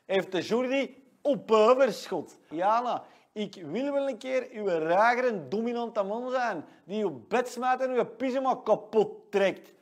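Unhurried and expressive, this high male voice is an actor's take on a boastful 22-year-old shop salesman with a Leuven Flemish accent. The character talks about himself in the third person throughout a comedy monologue, delivering his weekly rundown.

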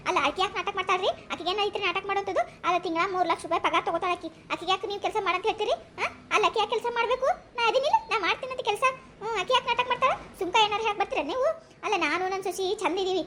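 A woman playing a middle-aged mother-in-law with a North Karnataka accent, arguing in rapid rural chatter in a comic sketch. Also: extremely high pitch, fairly bright tone, a little hiss or hum, voice pushed down. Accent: North Karnataka Kannada.

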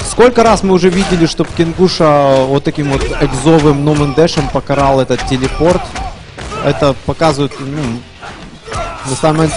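Higher-pitched man commentating a fighting game. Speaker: esports commentator. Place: live gaming tournament event.

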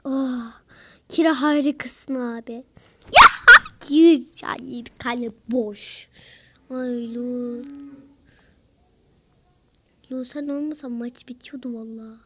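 A young girl with a stuffy nose from a cold, giving excitable commentary while playing a game, often shouting and groaning. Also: high-pitched, takes it slowly. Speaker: YouTuber. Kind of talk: gameplay commentary.

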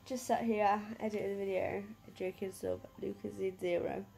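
A young British woman vlogs casually with a thoroughly stuffed-up nose from a cold. Her congested voice is gravelly with fry and sits at an average pitch. She sounds drained and self-deprecating. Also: level tone, normal speed, dark tone, faint music behind. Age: 20s to 30s. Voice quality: heavily congested, blocked-nose voice. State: bad head cold with blocked nose. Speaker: vlogger and mother. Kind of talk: casual food diary vlog. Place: small living room, indoors. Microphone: phone at arm's length.

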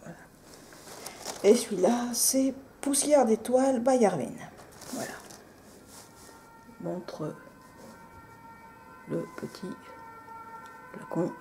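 Woman vlogger, soft and apologetic, slow unhurried talk, mellow tone, faint background hum. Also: a little high, expressive. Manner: soft-spoken, drifts into whispers, apologetic. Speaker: vlogger showing nail polish. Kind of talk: casual show-and-tell.

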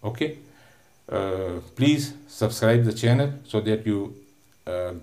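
A man's voice: on the low side, darkish tone. Male English teacher for a recorded lesson: patient, repetitive, lots of "uh" fillers, stretches words to break them into syllables. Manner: patient, repetitive, explains word by word with many "uh" fillers; drawn-out syllable sounding when teaching pronunciation. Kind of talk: recorded online classroom lesson.

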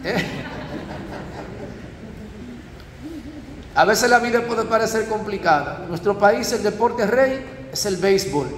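A priest gives a parish talk, weaving stories and prodding his listeners with quick questions. His voice runs high, and the church hall adds a long reverb with a faint hum of ambience behind. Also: expressive. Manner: storytelling, asks audience with frequent tag "¿eh?".

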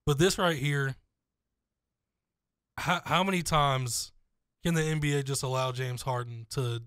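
Smooth-voiced young man, opinionated sports talk. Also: medium pitch, unhurried, a bit bright, dry recording, clean studio sound. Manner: opinionated, emphatic. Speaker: sports talk show co-host. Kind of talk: casual sports chat. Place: small studio with foam panels. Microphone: studio mic on boom arm, headphones.

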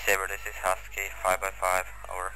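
A man calling in terse, clipped radio procedure, pausing on "uh", heard over a crackly radio with static bursts. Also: deep voice, monotone. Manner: terse, hesitant with "uh". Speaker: player on the radio net.

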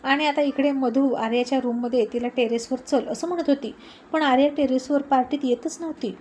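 A woman reading a serialized romance story aloud in a steady storytelling way. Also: high voice, a little fast, low-quality recording. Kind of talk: scripted story narration.

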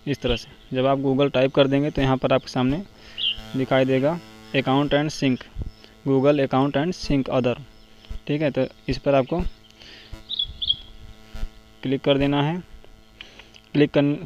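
A man hosting a phone tutorial, explaining each step steadily and checking in with "theek hai" as he goes. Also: medium pitch. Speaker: tech tutorial host. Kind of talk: screen-recorded phone tutorial. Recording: dull lo-fi voice-over with faint noise.

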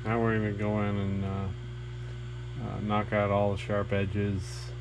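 A man working as a machinist, explaining his cuts in a plain, halting way full of fillers, recorded in a machine shop. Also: fairly low pitch, completely flat delivery. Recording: noisy workshop.

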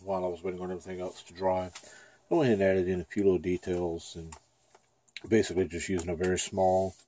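A painting instructor at his easel in a dim room gives a casual, chatty lesson, thinking aloud as he works. His voice is low and dark in tone, delivered fast and flat.

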